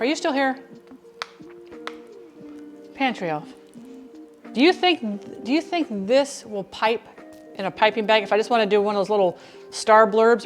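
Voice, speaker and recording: A woman at a middling pitch chats casually while baking in a home kitchen. She talks like a rambling storyteller who keeps restarting and repeating phrases, with soft music playing underneath. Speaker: host of a baking livestream.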